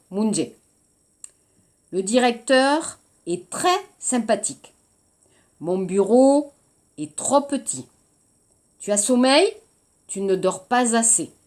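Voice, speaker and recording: A woman gives a recorded French lesson in a fairly high voice. She speaks slowly and deliberately, repeating each point and example so students can follow along. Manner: slow, deliberate explaining with frequent repetition. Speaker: French teacher.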